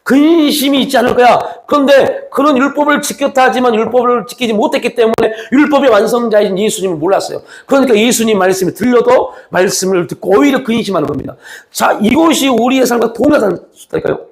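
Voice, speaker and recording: A man preaching a sermon as a pastor, moving between raised, pressing appeals and low, hushed lines. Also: quick pace. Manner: acts out quoted speech of Jesus and the young man.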